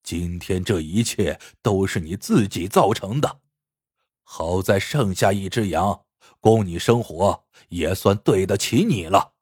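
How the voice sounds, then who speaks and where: A man voicing a stern, wise old man who speaks slowly and gravely in a storybook tale. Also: lowish voice, animated, darkish tone, no echo, studio quality. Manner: slow, grave and deliberate.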